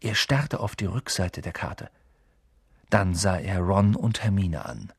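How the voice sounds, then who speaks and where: A male audiobook narrator with a husky, slightly breathy voice, telling the story in a lively way. The sound is dry and close, with no room around it. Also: low-pitched, slow, no room sound. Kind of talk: scripted narration.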